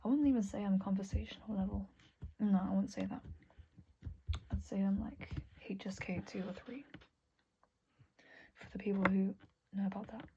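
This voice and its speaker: A young woman talking candidly to camera at her desk, soft and halting, often dropping to a whisper. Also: mid-range voice, fairly even intonation, creaky, muffled recording, slight background noise. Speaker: vlogger. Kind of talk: candid personal talk to camera. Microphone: earbud mic.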